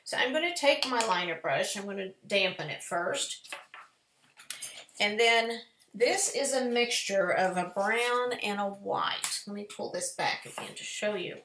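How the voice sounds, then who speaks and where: A woman's voice: medium pitch, lively intonation, unhurried, fairly bright tone, slight background noise. A woman, giving a chatty, folksy step-by-step painting lesson in a live tutorial. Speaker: painting teacher. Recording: echoey room.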